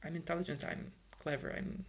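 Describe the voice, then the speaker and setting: In a muffled recording, a young Brazilian vlogger speaks briskly in a flat, gravelly voice on the high side. English isn't his first language, Portuguese is, and his Brazilian-accented, casual monologue from his home in Ireland rambles in frustration with fillers and restarts.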